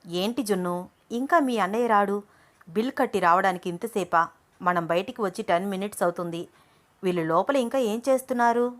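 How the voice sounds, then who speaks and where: A woman's voice: medium pitch, fairly quick, lightly acted. A woman voicing an anxious young man who fires off worried questions in a spoken story. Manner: urgent and questioning. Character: alarmed young man, protective friend.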